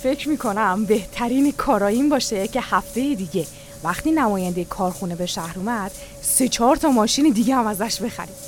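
A woman's voice: mid-range voice, lightly acted. A woman reading an audiobook, voicing a boastful, scheming country father who talks in an eager, coaxing salesman manner. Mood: excited scheming.

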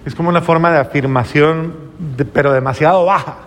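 A man's voice: fairly high pitch, steady tone, brisk, a bit bright, in a large hall. A man, a priest, delivering an earnest, moralizing sermon full of rhetorical questions.

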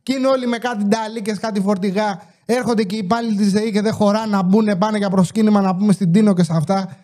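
A man with a high-pitched but soft, mellow voice rambles through a comic story for his podcast. He swears freely and slips into the voices of the people he quotes. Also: steady tone. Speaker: podcast host.

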